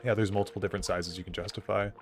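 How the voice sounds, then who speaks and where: Low-voiced young man streaming a game. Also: steady tone, very fast, soft background music. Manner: chatty, answers chat and thinks aloud, many "like" fillers. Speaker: gaming streamer. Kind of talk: casual live-stream chat while playing.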